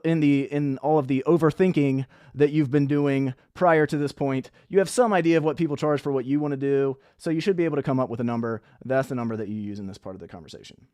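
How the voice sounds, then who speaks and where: A man gives a coaching talk straight to camera. His voice sits at an ordinary mid pitch and he sounds blunt and conversational. He acts out little sample dialogues, and the dry room adds no echo. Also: darkish tone. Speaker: online business coach.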